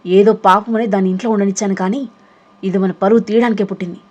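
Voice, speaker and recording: A woman voicing a hard-hearted middle-aged mother who scolds and shouts in an audio novel reading. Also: medium pitch, steady tone, quick pace, highs cut off, natural voice. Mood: shouting. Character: cruel harsh stepmother, middle-aged, hateful.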